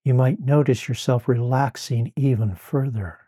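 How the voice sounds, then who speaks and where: Male relaxation guide, middle pitch, unhurried and mellow, soothing delivery. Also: husky. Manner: slow, soothing, drawn-out phrasing.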